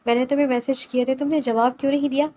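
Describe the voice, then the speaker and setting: A woman's voice: high voice, level tone, warm tone, natural voice. A woman reading the part of a protective young man who teases and reassures, in a storybook reading. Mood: soft.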